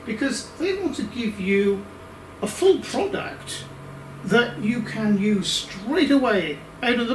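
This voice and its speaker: An Australian man gives a casual review in his workshop, his voice fairly high and his pace unhurried. He rambles with fillers and restarts as he works his thoughts out. The sound is roomy and picked up from some distance, with faint workshop ambience behind. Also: a little hiss or hum. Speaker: workshop YouTuber.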